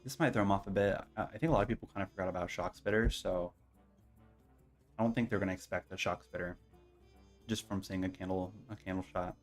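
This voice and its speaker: Casting: male card game streamer, deep voice, low-key thinking-aloud delivery, faint music behind. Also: fast talker. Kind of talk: casual gameplay commentary.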